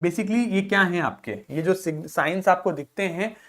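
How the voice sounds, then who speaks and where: Woman, teacher, vocabulary lesson, slow repeated pronunciation drills, check questions. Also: fairly low pitch. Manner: asks rhetorical check questions.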